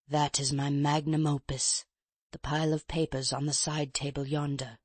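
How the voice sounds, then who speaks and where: An audiobook reader portrays a chain-smoking, frail old professor, an invalid with mincing, excessively polite speech, sounding fretful, subdued and self-pitying. The lightly acted delivery is flat and moderately paced, slightly lower and softer than the narration, recorded close and dry with no room sound.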